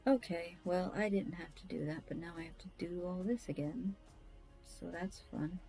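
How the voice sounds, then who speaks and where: Woman artist, low mellow voice, rambling self-deprecating chatter over faint music. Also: normal speed, poor audio. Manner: self-deprecating, scattered, talks to herself. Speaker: artist streaming a drawing session. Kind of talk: casual rambling chat while drawing.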